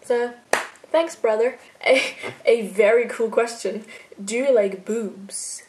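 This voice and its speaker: Taking it slowly in a fairly high voice, this chatty Austrian woman, German by first language, fields viewer questions about her fan video editing in a casual Q&A vlog. She laughs easily and uses lots of fillers, frequently "like." Background noise is audible.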